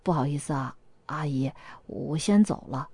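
A woman voicing a patient young man who speaks low, hushed and hesitant, in a storybook reading. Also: normal speed, slightly rough, no room sound. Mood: hushed, apologetic.

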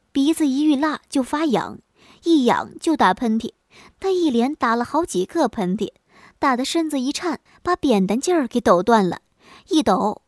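Woman storyteller, higher voice, dry close-mic folk tale reading. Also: dry recording. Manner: even, clear storytelling delivery. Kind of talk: scripted folk tale narration.

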